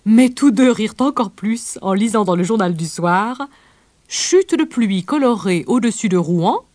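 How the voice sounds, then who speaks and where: A woman narrating a children's storybook with a gentle, expressive read-aloud manner. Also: mid-range voice, measured pace, no echo, clean studio sound.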